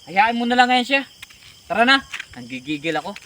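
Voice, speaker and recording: A man's voice: medium pitch, expressive, fairly quick, a bit bright, slight background noise, lightly acted. A man playing a lonely, friendly cousin who chats casually and teases. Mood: startled. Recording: outdoors at night with crickets and insects.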